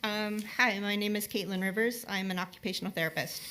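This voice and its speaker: A woman reading out a prepared public comment in a hurried way. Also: medium pitch, steady tone, pushed and bright. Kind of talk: read-out prepared speech.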